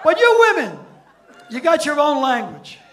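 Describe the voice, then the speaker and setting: A man in his sixties doing a crude stand-up routine on a club stage, brash and profane with shouted punchlines. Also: extremely high pitch, wildly swooping pitch, normal speed, some chatter behind, slight background noise. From Ireland, raised in New York. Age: 60s. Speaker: stand-up comedian. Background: audience laughter.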